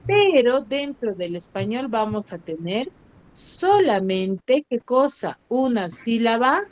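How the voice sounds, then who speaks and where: A woman teacher runs an online lesson at an unhurried pace, her somewhat high voice drawing out syllables and firing short questions at pupils. The call audio is a little dull and muffled. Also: sing-song. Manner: quizzing, stretching out syllables for emphasis. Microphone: computer mic on a video call.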